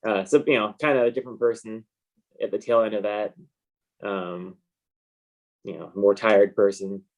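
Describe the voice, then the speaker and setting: A comic book artist appears as an interview guest, chatting casually in a rambling, understated, laid-back manner. His voice is fairly low with a steady tone and normal speed, though the audio is poor.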